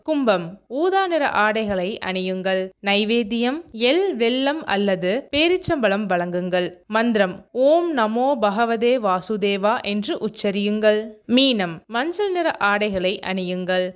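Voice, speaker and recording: A woman reading a scripted devotional voice-over in a measured, announcing way. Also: medium pitch, smooth. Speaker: narrator of a devotional video.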